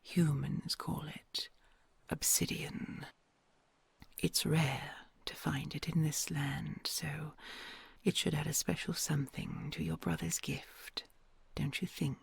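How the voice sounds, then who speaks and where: With a steady tone and a low-sitting voice, a woman performs a heavily acted dragon queen, kind, solemn and lonely, in an audio roleplay on a dry recording. Her whisper is tender, gravelly and breathy, slow and soft, and her phrasing formal and old-fashioned in a courtly way.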